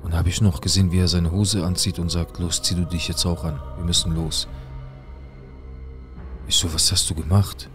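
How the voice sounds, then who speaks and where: A male guest recounts a personal experience in an intense, heated first-person account, acting out the dialogue with quoted lines. His voice is low and delivered flatly at a moderate pace, with music in the background.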